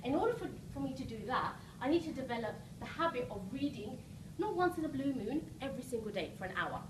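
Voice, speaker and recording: Woman motivational coach, emphatic n rousing, high voice, echoey noisy seminar recording. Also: very animated, quick pace. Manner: rousing, emphatic, checks in with short questions. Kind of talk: motivational seminar speech to a live audience. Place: live seminar room with audience. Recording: roomy echo, distant mic, noisy background.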